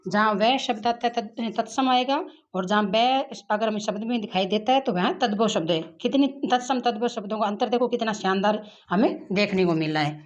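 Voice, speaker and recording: Woman slowly reading out word lists. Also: mid-range voice, highs cut off. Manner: slow, deliberate listing of words with asides. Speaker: Hindi grammar teacher. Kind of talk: exam-prep lesson, reading word lists.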